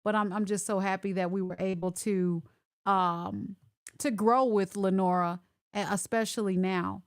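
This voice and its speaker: A woman hosts a live online talk show over a video call, chatting casually and repeating herself as she checks whether her guests can hear her. Her voice is medium-pitched, fairly even in intonation, and a little slow.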